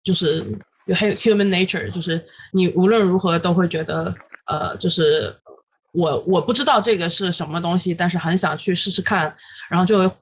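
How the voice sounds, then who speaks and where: A woman in her thirties, a guest illustrator on a podcast, recounting her story in an animated way with many fillers and English words dropped in. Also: fairly low pitch, moderate pace, a little hiss or hum. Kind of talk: casual podcast interview.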